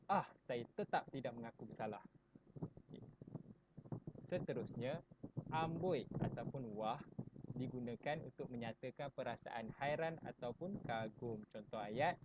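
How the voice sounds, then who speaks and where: A young male teacher with a Malaysian Malay accent giving a recorded online lesson, chatty and dropping "okey" and "ha" between points. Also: medium pitch. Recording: tinny phone-like audio with clear noise.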